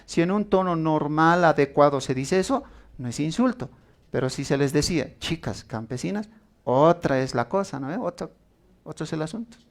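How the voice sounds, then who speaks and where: A man's voice: fairly high pitch, expressive, normal speed. A man preaching a sermon, telling stories with acted-out quotes and asking the congregation questions.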